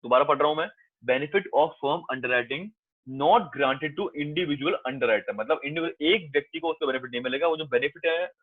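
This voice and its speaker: A male commerce teacher lectures his class at a moderate pace in a fairly high voice, coaxing and reassuring the students, calling them "beta," and repeating points often. The recording is dry and tinny, like a phone, with no room sound.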